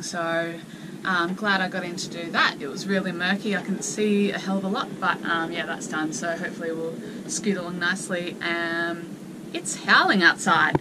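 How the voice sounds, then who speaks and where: A woman in her thirties with an Australian accent, chatting casually to camera from a small boat cabin, relaxed and full of ums. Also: medium pitch, recorded from a distance, background noise. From South Australia. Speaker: sailing vlogger. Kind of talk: casual vlog talk to camera.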